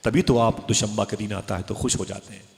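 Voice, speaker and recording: A man with a fairly low voice delivers an emotional religious sermon to a live gathering. He storytells with passion, rising to high cries and sinking to hushed tones. His voice rings with the long reverb of a big hall. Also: steady tone, fairly quick. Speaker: Islamic preacher.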